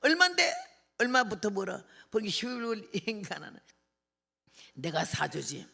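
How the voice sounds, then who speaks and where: Older woman preaching, folksy and gravelly. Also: medium pitch, animated, moderate pace, pushed and bright. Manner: folksy storytelling, acting out dialogue. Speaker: missionary preacher. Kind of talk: revival sermon with anecdotes.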